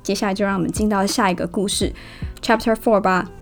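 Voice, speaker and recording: A woman's voice: medium pitch, brisk, music in the background. Chatty Taiwanese Mandarin woman podcaster. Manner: chatty and animated, laughing at her own stories. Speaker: podcast host. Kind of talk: casual storytelling podcast.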